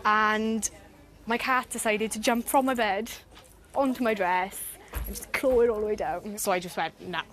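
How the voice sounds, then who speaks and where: A woman's voice: medium pitch, moderate pace, fairly bright tone. A young woman chatting in a matter-of-fact way in a casual documentary interview. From Wales. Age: young adult. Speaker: pageant contestant.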